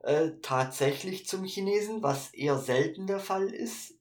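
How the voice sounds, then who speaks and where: A man's voice: high voice, animated, unhurried. A man co-hosting a casual podcast, thinking aloud with frequent fillers and restarts. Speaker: podcast co-host.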